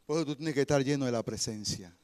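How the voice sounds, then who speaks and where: A male pastor preaching a sermon, building to shouted lines and then dropping to a quieter, joking tone. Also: medium pitch, fast.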